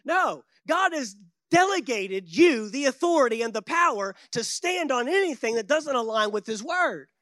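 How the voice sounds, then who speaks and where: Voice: high voice, very animated, moderate pace, a bit bright, dry recording, clean studio sound. A preacher delivering a sermon to a congregation in an exhorting, emphatic and conversational way, repeating phrases for weight.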